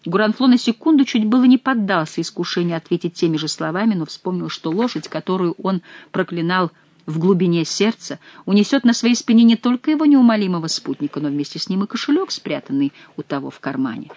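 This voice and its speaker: Animated woman narrating an adventure novel. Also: on the low side, a little fast, no echo. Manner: expressive, animated storytelling. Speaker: audiobook narrator.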